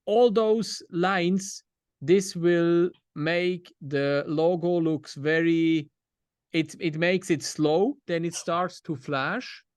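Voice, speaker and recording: A man's voice: a little high, steady tone, extremely slow, smooth, no echo, studio quality. A man from Switzerland, a client giving direct, step-by-step feedback on a video call. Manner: direct, gives step-by-step instructions.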